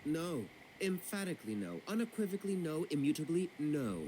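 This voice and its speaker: An actor playing a fussy, pompous male bureaucrat on a ship in a video game, with prim, fastidious diction. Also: a little high, sing-song, mellow, slight background noise, low-quality recording. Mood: smug.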